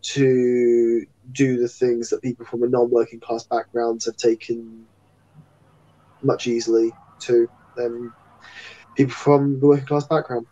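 A man's voice: medium pitch, flat delivery, a little slow, warm tone, highs cut off. A man entertainer chatting as an interview guest, a rambling, talkative storyteller. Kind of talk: casual interview chat.

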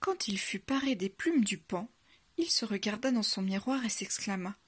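A woman reading a children's bedtime story aloud in a soft, hushed, unhurried way. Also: medium pitch, animated, husky.

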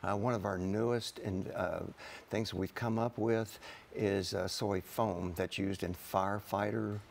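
Farmer guest, 60s, low gravelly voice, plain-spoken with lots of "uh"s, studio interview. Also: male voice, level tone, a little slow. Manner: plain-spoken, earnest, many uh fillers. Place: TV studio set.

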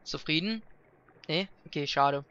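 A man's voice: a little high, measured pace, sharp tone, clean tone. A young man hosting a Let's Play, chatty and playful, commenting casually and translating game text as he goes. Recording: dull, faintly noisy home mic.

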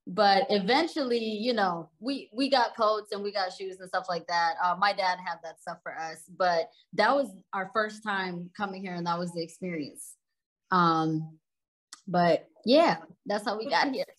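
A Sudanese woman in her thirties, a native Arabic speaker, chats as an interview guest and laughs easily while telling her story. Her mid-range voice is unhurried, and the recording quality is low.

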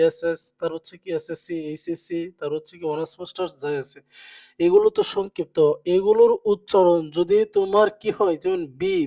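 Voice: medium pitch, dark tone. A teacher giving an exam-prep grammar lecture, posing questions to the class and answering them at once, often checking in with "okay?". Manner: asks rhetorical questions and answers them, frequent check-ins.

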